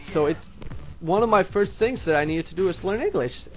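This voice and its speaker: A young Puerto Rican YouTuber, a native Spanish speaker with a Puerto Rican accent and a slight lisp, rambles casually in a vlog monologue, addressing viewers as homies. His high-pitched voice is brisk with lively intonation, over soft background music.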